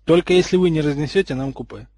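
A man reading aloud voices a calm, dry-witted schoolboy. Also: a little high, fast talker, close to an everyday voice.

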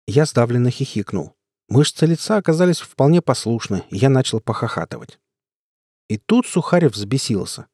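A man narrates an audiobook in the first person, keeping a steady storytelling pace. His voice is dark and mellow with a husky edge, and the recording is dry and close. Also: medium pitch, dry recording. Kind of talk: scripted narration.

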